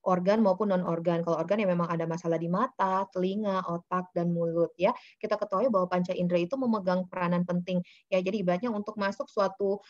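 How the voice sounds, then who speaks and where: A woman's voice: on the low side, fairly even intonation, fast talker. Lady explaining slides on a webinar call, lots of ums, kinda muffled lo-fi sound. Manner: explanatory, many fillers, acts out examples to children. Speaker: webinar speaker on child communication. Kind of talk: presentation with slides.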